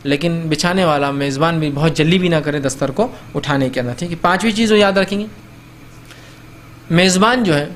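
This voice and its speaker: A man's voice: high voice, a bit bright. A man giving a religious lecture on etiquette, talking conversationally, acting out little host-and-guest exchanges and often checking in with his listeners.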